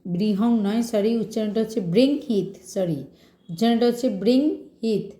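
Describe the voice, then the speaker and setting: A woman's voice: a little high, moderate pace, mellow, reverberant. A woman teacher giving a grammar lesson, patiently asking her students questions and working through examples.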